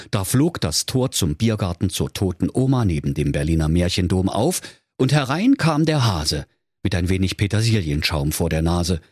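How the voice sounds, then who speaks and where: Husky man telling a comic fairy tale. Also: low-pitched, darkish tone, no room sound, studio quality. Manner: mock-solemn storybook telling. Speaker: storyteller.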